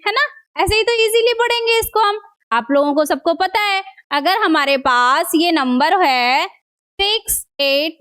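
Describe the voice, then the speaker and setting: Woman, teacher, very high voice, coaxing, repeats questions, slows down on numbers, classroom lesson. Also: a bit bright.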